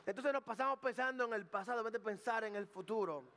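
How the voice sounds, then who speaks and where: A man's voice: high voice, quick pace, a bit bright. A male pastor giving a sermon in a conversational style, joking, making asides, dropping in English words and often repeating himself. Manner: conversational preaching with jokes and asides. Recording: long hall reverb.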